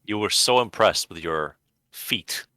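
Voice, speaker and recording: A man's voice: fairly low pitch, expressive, measured pace, bright, forceful tone, dry recording. A man co-hosting a podcast in casual chat, with dry, sardonic humor. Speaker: podcast co-host.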